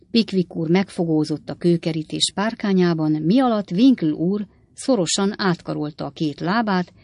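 A woman narrating an audiobook in a measured storytelling manner. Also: lowish voice, vocal fry, darkish tone, dry recording.

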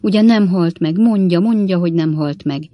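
A woman voicing a hysterical old spinster aunt in a storybook reading, shrill and gasping. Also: animated, darkish tone, no echo, studio quality. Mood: anxious. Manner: shrill, gasping, laughing fits.

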